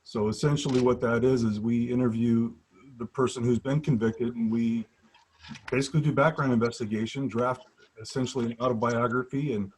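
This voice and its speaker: A man's voice: mid-range voice, steady tone, a little fast, a little mellow, slight background noise, low-quality recording. Hesitant man explaining probation work. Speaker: probation officer on a career panel. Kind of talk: panel talk to students.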